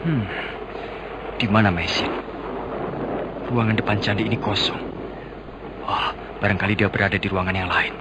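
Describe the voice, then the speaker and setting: A man's voice: on the low side, steady tone, normal speed, pauses often, close to an everyday voice. A man playing an earnest young warrior hero in an Indonesian radio drama, pleading in a theatrical way. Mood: puzzled, musing. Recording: noisy old radio drama recording.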